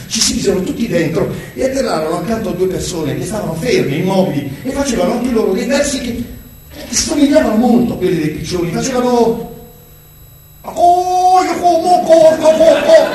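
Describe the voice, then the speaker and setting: High-voiced man telling a lively story. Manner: lively, with sound effects. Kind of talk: animated storytelling. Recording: roomy, distant mic, faint background.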